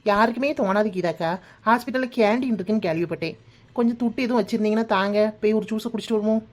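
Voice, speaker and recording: A woman's voice: medium pitch, racing, a little mellow, close to an everyday voice. A woman voicing a cheeky young village woman with a Kanyakumari Tamil accent, who keeps complaining and teasing. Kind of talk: cartoon voice acting.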